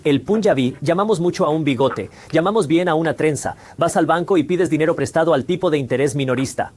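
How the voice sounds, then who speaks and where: In a finance explainer dubbed from another language, a man with a fairly high, slightly mellow voice reads scripted narration as the channel's host. He presents the material didactically, posing questions and answering them.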